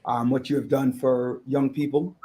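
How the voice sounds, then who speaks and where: Retired male co-host in his sixties, casual on-air talk, measured delivery with a teasing edge. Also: mid-range voice, little pitch movement, warm tone, slightly rough. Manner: measured, teasing, switches into Spanish. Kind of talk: casual radio talk show chat.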